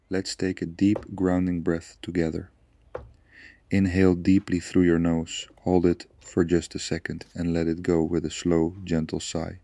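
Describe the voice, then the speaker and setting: A man speaking softly and soothingly in a slow, gentle ASMR relaxation and storytelling style. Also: deep voice, dry recording. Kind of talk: soft-spoken ASMR guided relaxation and storytelling.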